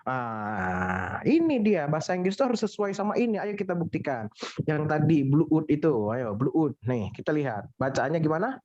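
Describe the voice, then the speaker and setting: A woman teaching English pronunciation to a class, lively and teasing, drilling words over and over. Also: low-pitched, normal speed. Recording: dull lo-fi sound.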